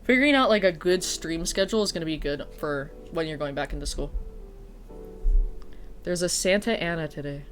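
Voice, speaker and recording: Brisk and deep-voiced, this woman speaks over faint music. She's a streamer and teacher in casual stream chat, her nose stuffy and sniffly, swearing freely and poking fun at herself.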